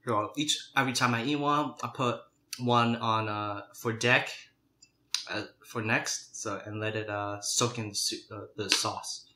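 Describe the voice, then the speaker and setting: A man's voice: fairly low pitch, steady tone, measured pace, bright, forceful tone. A man casually chatting as a mukbang host, chewing and eating while he talks. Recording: roomy, echoey indoor sound.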